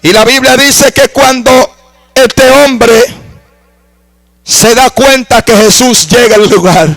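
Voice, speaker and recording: A man preaches a sermon with a high voice. He tells his story dramatically and builds up to shouts of praise. His voice sounds close and dry. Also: slow, creaky, no echo, soft background music, poor audio. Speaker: pastor.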